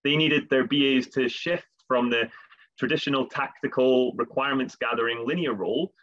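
This thirtysomething man is running a business webinar from his home office on a video call, with frequent word repetitions. He speaks at a normal speed in a medium pitch, his tone fairly bright. The sound comes through as dull, lo-fi call audio.

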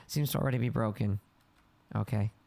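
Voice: medium pitch, fairly even intonation, a little fast, gravelly, warm tone. A let's play gamer commenting on a video game, reading the on-screen text aloud and breaking into panicked shrieks and laughter. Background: game music.

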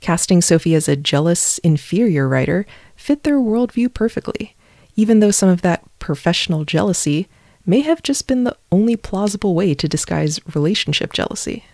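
Woman host, lowish voice, scripted history narration with dry humor, dead dry home-mic sound. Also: expressive, moderate pace, darkish tone, dry recording. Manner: wry, conversational asides. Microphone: low-budget home mic.

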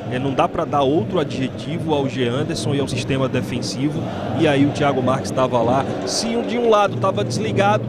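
A Brazilian man giving live football analysis in a conversational way, often seeking agreement with small tag words. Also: medium pitch. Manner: conversational, often tagging phrases with "né". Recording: noisy outdoor stadium broadcast.

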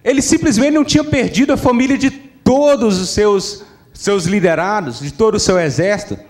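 A man's voice: high voice, moderate pace. A man preaching a sermon at a church service. He speaks emphatically, repeats his phrases and keeps checking in with the congregation.

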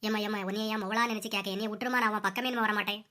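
A woman's voice: medium pitch, fairly even intonation, very fast, bright, forceful tone, natural voice. A woman voicing an older cartoon mother-in-law who complains and whines, with a Kanyakumari Tamil accent. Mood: pleading. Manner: complaining, whiny.

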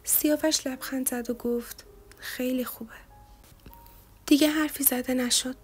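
A woman narrating a romance novel in a soft, hushed, even reading voice. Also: high voice, soft background music. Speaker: audiobook narrator.

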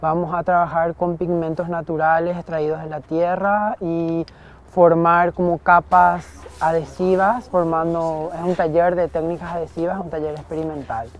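A man from Paraguay, an artist, explaining his workshop in a documentary interview, with frequent pauses and fillers. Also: fairly high pitch, flat delivery, a little hiss or hum.

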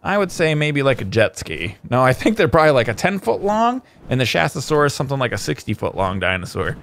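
A man's voice: medium pitch, sing-song, quick pace, vocal fry, fairly bright tone, a little hiss or hum. A man hosting a video game, rambling through casual commentary with lots of fillers and self-corrections. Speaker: gameplay video host.

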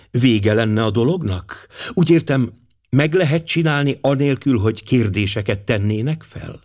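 A man's voice: mid-range voice, a little mellow, lightly acted. A man voicing a nervous young English noblewoman who speaks hesitantly. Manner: hesitant, flustered.

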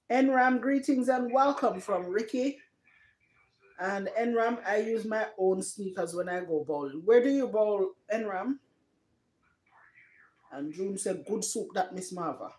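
Reading out viewer comments on a casual live stream, a middle-aged Jamaican-accented woman sits indoors in her living room. She speaks with a medium pitch and darkish tone, and the room gives the sound an audible echo.

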